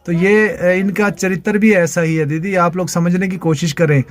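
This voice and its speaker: A man's voice: high voice, steady tone, moderate pace. A man giving indignant, repetitive commentary over videos.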